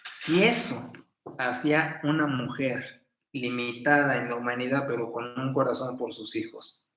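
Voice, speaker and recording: A middle-aged man with a Mexican accent preaching a sermon in a folksy, storytelling way, with sudden bursts of loud emphasis. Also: mid-range voice, fairly even intonation, unhurried, a little hiss or hum. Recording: roomy echo.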